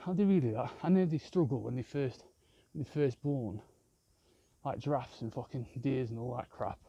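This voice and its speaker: A man's voice: mid-range voice, moderate pace, creaky, dark tone, breathy edge, dry recording, muffled recording. A man rambling and swearing constantly as he films a vlog on a walk outdoors in a park with his phone. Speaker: vlogger. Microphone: handheld phone camera.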